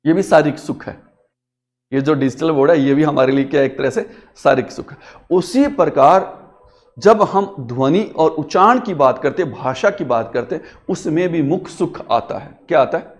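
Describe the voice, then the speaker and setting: A man with a somewhat high voice teaches a classroom grammar lesson. He coaxes his pupils along with questions and answers them himself. He calls them beta as he talks them through it. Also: normal speed. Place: classroom with a digital board.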